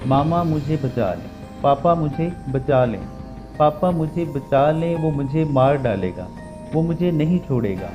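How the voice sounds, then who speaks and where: A man's voice: on the high side, expressive, close to an everyday voice. A man voicing a frightened young daughter, pleading in fear. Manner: fearful, pleading. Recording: music bed under voice.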